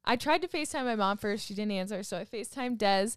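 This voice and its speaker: A woman's voice: mid-range voice, animated, fast, smooth. A young woman co-hosting a casual chat with a friend, frank and laid-back, swearing now and then. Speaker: podcast co-host.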